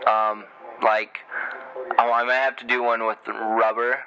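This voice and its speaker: A man's voice: medium pitch, flat delivery, unhurried, bright, forceful tone, dull audio. A young man casually commenting on a movie while it plays, rambling and joking and often stumbling over his words. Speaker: podcaster reacting to a movie. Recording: noticeable background noise.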